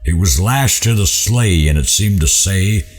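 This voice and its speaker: Deep, husky cowboy drawl, a man reciting poetry. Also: lively intonation, measured pace. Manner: dramatic storytelling with swelling and falling lines. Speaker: cowboy poet and storyteller. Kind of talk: dramatic rhymed poetry recitation.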